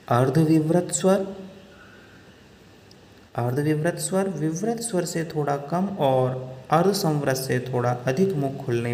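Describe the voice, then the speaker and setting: A man teaching Hindi grammar in a slow, deliberate lesson, drawing out each example sound. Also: fairly high pitch, a little mellow, slight background noise. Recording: echoey room with long reverb.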